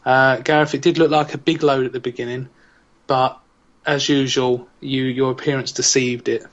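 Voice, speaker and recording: A man's voice: mid-range voice, flat delivery, normal speed, dull audio. A man hosting a podcast, chatting casually and cracking puns. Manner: jokey, punning. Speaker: podcast host.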